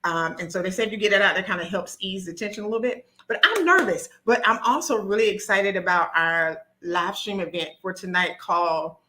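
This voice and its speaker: Bright, excited woman hosting a live stream. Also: on the low side, a little fast, few pauses. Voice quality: nervous, talkative, many ums and restarts.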